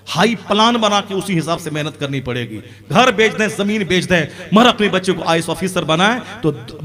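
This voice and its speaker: A man preaching an impassioned sermon as an Islamic preacher, rising to loud emphatic peaks. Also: a little high.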